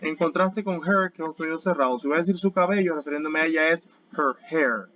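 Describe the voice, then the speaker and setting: Man teaching with slow, repeated phrasing. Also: fairly high pitch, fairly bright tone, dull audio, a little hiss or hum. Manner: explains step by step, repeats words slowly for students. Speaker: English teacher. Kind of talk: online class lecture.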